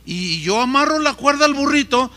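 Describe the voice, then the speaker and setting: A man preaching, acting out a calm rescuer who calls down reassurances in a raised, higher voice. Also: moderate pace, long reverb tail, exaggerated voice. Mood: reassuring.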